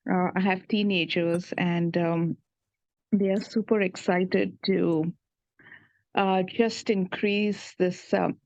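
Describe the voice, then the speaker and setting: A woman's voice: fairly low pitch, darkish tone, dry recording. Eager woman on a dry, dull call. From Maryland, USA. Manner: eager, with many fillers. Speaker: tour participant. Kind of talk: video call introduction. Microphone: video call.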